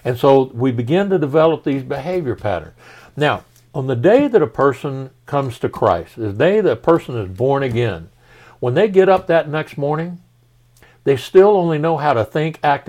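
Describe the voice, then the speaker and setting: A middle-aged man, a pastor, talking through his teaching in a relaxed, folksy conversation. He leans on everyday examples and tosses questions back at his listener. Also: medium pitch, normal speed.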